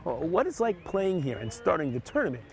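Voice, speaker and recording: A man field reporter delivering a live report outdoors at a golf course, speaking in a hushed on-site voice. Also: a little high, big pitch swings, fairly quick.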